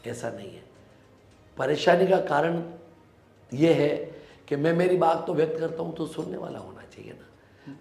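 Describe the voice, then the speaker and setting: A man's voice: a little high, vocal fry, darkish tone, roomy sound. A man from Rajasthan, a local politician, giving earnest, emphatic answers in a sit-down interview.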